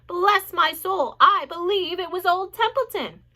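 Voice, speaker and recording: A woman's voice: very high voice, measured pace, pushed and bright, pitched above the performer's own voice, full character voice. A woman voicing a lazy, sarcastic male rat in a storybook reading, grumbling and mocking.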